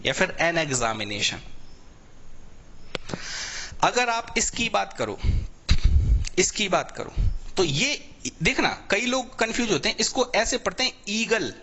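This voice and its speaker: A male teacher runs a live online class. His voice is bright and slightly high, he stretches out words as he spells them, and he keeps checking in with his students. Faint noise and clicks sit behind him. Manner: repetitive, checks in often with "theek hai bhai". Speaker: English teacher for exam preparation.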